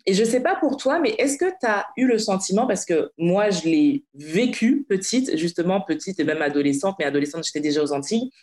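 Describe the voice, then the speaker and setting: A woman's voice: mid-range voice, very animated, a little fast, few pauses, darkish tone. A woman in her late thirties from France, hosting a casual interview podcast in a friendly, conversational way. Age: late 30s. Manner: friendly, conversational, addresses guest informally. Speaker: podcast host.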